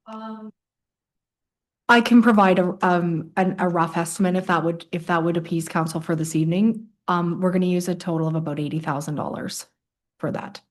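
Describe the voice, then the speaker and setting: A woman from town staff answering a budget question at a council meeting. She starts hesitantly with ums, then confirms figures in a lowish voice. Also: steady tone, normal speed. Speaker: municipal staff member.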